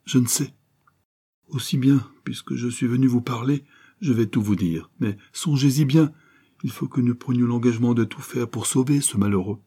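A man reading aloud voices an old village priest who speaks gravely and wearily. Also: medium pitch, mellow, pitched above the performer's own voice. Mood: earnest. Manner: grave, slow and weary.

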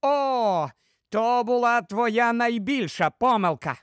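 A man reading an audiobook, voicing a sharp-tongued, nagging middle-aged wife with a shrill, scolding delivery. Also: animated, takes it slowly, smooth, dry recording, studio quality, full character voice.

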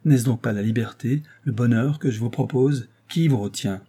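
A man's voice: mid-range voice, normal speed, mellow, husky. A man voicing an ardent young suitor of barely twenty in an audiobook, speaking urgently and imploringly.

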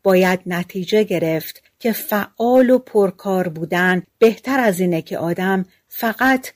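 A woman reads a fairy tale aloud at a calm, even pace, telling it in relaxed everyday speech. Her voice sits in a middle pitch. The recording is dry and close. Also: no echo. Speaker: audiobook narrator. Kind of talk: storybook narration.

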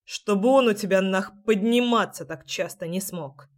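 A woman doing a gruff, mocking young man. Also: sits high, moderate pace, lightly acted. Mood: stubborn. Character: pushy stubborn young man, teasing.

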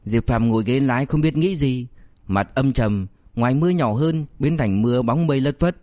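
A male audiobook narrator with a mid-pitched voice, reading a novel in a steady storytelling manner. The recording is dry and close, with no room sound at all. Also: normal speed, no echo. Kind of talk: scripted narration.

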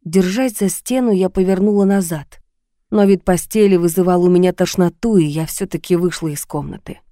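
A woman reading a novel aloud in first person, in a measured, even storytelling manner. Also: fairly low pitch, no room sound, studio quality. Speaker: audiobook narrator. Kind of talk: first-person audiobook narration.

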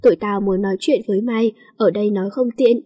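A woman voicing a sharp-tongued, bullying older schoolgirl who leads a gang, in a storybook reading. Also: medium pitch, fairly even intonation, quick pace, slightly rough, close to an everyday voice. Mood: hostile. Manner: sharp, shrewish.

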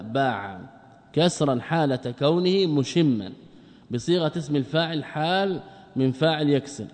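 A man's voice: a little high, a little mellow, big-room sound. A man teaching a classical Arabic grammar lesson, who keeps asking rhetorical questions, answers them himself, and repeats and draws out the example words.

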